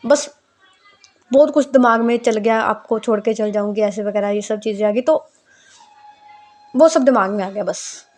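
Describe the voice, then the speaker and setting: A woman's voice: medium pitch, normal speed, pauses often, darkish tone, lightly acted. A woman voicing a young daughter who coaxes and comforts her mother affectionately. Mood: tender. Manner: coaxing, affectionate.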